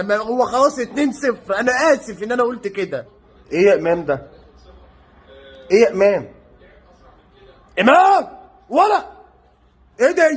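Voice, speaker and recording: A young Egyptian man with an Egyptian Arabic accent, reacting to a football match in a mocking, joking way and shouting at times. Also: extremely high pitch. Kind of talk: excited match reaction commentary.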